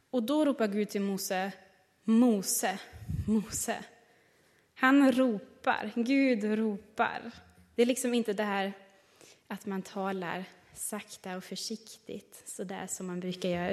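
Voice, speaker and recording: Woman preacher, mid-pitched, thoughtful sermon delivery, big echoing church hall. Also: a little mellow. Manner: reflective, slows down to stress single words. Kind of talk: sermon with Bible reading. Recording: long reverb of a large hall.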